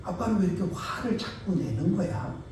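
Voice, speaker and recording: A man preaching a sermon as pastor, telling a story and acting out the voices in it, swinging from loud to soft. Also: sits high, animated, normal speed. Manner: tells stories, acting out quoted voices. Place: church sanctuary. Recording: echoey church hall, mic far off, faint noise.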